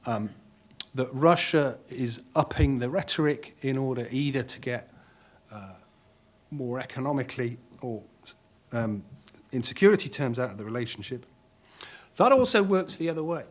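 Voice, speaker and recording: On a conference panel, an animated middle-aged man with a medium-pitched voice talks deliberately, filling pauses with ums and often starting his sentences over.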